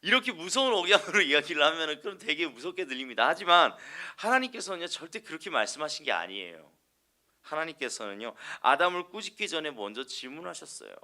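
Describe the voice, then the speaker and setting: A man preaching at an early morning service in a bright, ringing voice that sits a bit high for a man. His pitch swings widely as he poses questions to the congregation and answers them. The delivery is earnest and emphatic. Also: very animated, fast talker. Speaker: evangelist. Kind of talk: sermon.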